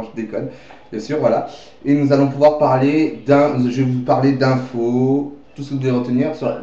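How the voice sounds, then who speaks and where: A man's voice: mid-range voice, mellow. A man presenting a home-made mock news bulletin, rambling, joking and often correcting himself. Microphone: webcam. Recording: dull, echoey webcam recording.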